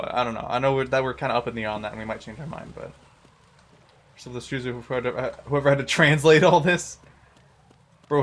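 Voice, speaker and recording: A man live-streaming a video game, chatting casually with lots of swearing and bro slang. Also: mid-range voice. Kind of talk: casual live-stream chat while gaming.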